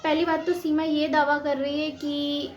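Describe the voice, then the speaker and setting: A woman's voice: high voice, little pitch movement, a little slow. A woman from Madhya Pradesh with a Madhya Pradesh Hindi accent, chatting casually in an opinion vlog and often adding little fillers. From Madhya Pradesh, India. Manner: chatty, repeats "theek hai" and "yaar". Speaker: vlogger. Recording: slightly dull, roomy, faint hiss.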